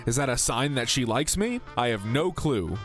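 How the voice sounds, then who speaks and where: A man's voice: mid-range voice, big pitch swings, normal speed, soft background music. A man doing comedic read-aloud commentary as a host, theatrical, with sweary asides. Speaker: YouTube host reading social media posts aloud.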